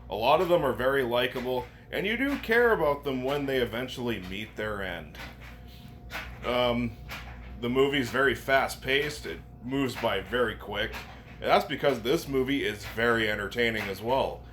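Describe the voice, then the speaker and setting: Man, movie reviewer, mid-pitched voice, enthusiastic, casually sweary, noisy recording. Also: animated, normal speed, a bit bright. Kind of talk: casual film review to camera. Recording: noticeable background noise.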